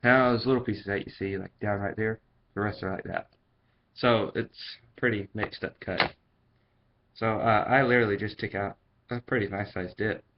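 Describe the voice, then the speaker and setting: A man giving a casual, chatty product review in vlog style. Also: on the low side. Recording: dull, lo-fi sound.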